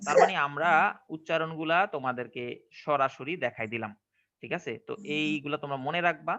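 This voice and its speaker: A man's voice: fairly high pitch, brisk, fairly bright tone, muffled recording. A man with a Bangladeshi Bengali accent teaching English pronunciation to a class, often asking whether they follow. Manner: questioning, checks understanding often. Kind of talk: online classroom lesson.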